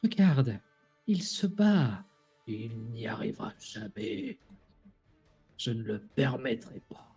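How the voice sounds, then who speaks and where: A man's voice: medium pitch, big pitch swings, slow pace, pauses often, darkish tone, breathy edge, faint music behind, full character voice. A man playing a scornful, unyielding inner voice that insistently belittles someone in a tabletop role-play. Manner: disparaging, insistent. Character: scornful, unyielding voice inside a character's head.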